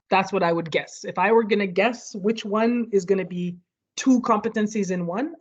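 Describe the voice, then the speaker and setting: A woman's voice: mid-range voice, a little mellow. Woman leading an online study group. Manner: explaining, checking in with the group. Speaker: study session leader. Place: home near street fireworks. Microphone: video call. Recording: muffled video call audio.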